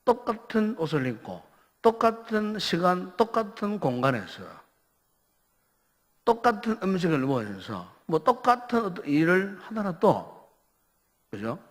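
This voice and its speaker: A male pastor with a Gyeongsang Korean accent preaching a Friday prayer meeting sermon, emphatic, with rhetorical questions and dramatic pauses. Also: high-pitched, sing-song. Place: church sanctuary. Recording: reverberant church sanctuary.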